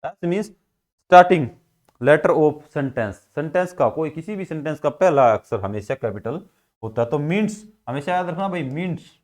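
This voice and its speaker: An Indian man with a Haryanvi Hindi accent and a voice on the high side teaches a classroom grammar lesson a little slowly, with lively intonation. He asks questions and then answers them himself.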